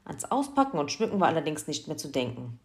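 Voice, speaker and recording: A woman reading a children's story aloud in a lively, expressive way. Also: low-pitched, fast talker, creaky.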